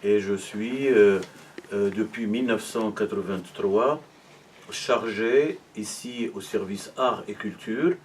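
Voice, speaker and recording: A middle-aged man from Morocco, working as a university arts and culture officer, answers interview questions with patient explanation and frequent hesitant pauses. The voice is lowish, a little off-mic, with a faint ambient hiss underneath.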